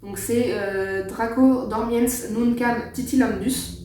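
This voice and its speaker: A woman hosts a casual chat, stumbling along with frequent fillers and laughs. Her voice sits a little high. She sounds distant from the mic in a very echoey room. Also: steady tone, slow, warm tone. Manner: hesitant, filled with "euh" and laughs. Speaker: host.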